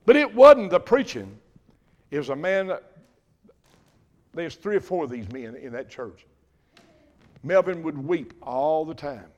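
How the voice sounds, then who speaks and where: An older pastor preaches with fervor, his voice sitting a little high for a man. He talks in a folksy way and doubles back on his own words. He swings between ringing emphasis and quiet, intimate asides. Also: lively intonation, a little slow, pauses often, lo-fi sound. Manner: fervent, emphatic preaching with swings from loud to hushed; folksy, repeats and restarts phrases. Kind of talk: sermon.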